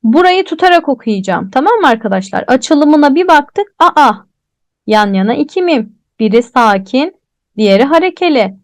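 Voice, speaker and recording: High-voiced woman teaching Quran recitation. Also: big pitch swings, moderate pace, no room sound, studio quality. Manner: explains step by step, asks and answers her own questions; stretches out letter names when reciting. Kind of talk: online tajweed lesson.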